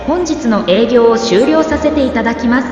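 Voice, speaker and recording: A woman's voice: on the high side, lively intonation, normal speed. A woman reading a scripted mall closing announcement in an ultra-polite, formal store-announcer manner. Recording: echoey mall PA, long reverb, muffled. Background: loud music.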